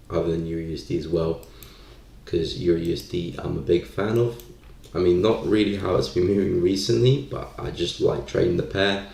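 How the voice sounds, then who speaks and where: A live stream trading host offers casual, hesitant market commentary as he thinks aloud. He has a deep, creaky voice with a darkish tone, and the recording sounds roomy and echoey.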